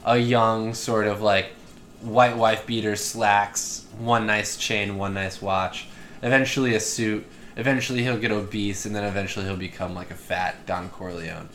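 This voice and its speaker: Young man, somewhat low voice, rambling, crude, self-deprecating, casual podcast banter. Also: fairly even intonation, moderate pace, fairly bright tone. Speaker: podcast co-host.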